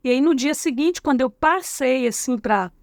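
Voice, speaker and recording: A woman's voice: high voice, lively intonation, normal speed, dry recording, clean studio sound. A middle-aged woman with a Brazilian accent, a guest educator telling a story in a casual interview, acting out the dialogue and often adding tag questions. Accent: Brazilian Portuguese. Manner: acts out quoted dialogue, frequent tag questions.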